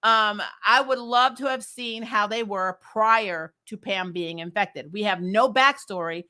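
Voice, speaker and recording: With a medium-pitched voice that sounds pushed and bright, the woman recaps a comics TV show for her livestream at a measured pace. Her take is blunt and opinionated, laced with swearing and frequent laughs.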